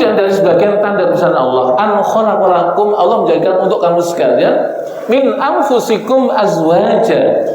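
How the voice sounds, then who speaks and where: Preacher in a very echoey hall. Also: male voice, high-pitched, a little mellow. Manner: joking, storytelling, recites Arabic verses slowly. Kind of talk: sermon. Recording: echoey hall with faint noise.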